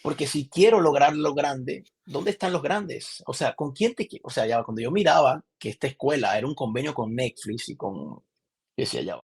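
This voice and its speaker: Gravelly-voiced Venezuelan man telling stories. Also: medium pitch, brisk. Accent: Venezuelan, Maracaibo. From Venezuela, Zulia. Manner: animated storyteller, many restarts. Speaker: podcast guest, film director. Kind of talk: casual interview chat.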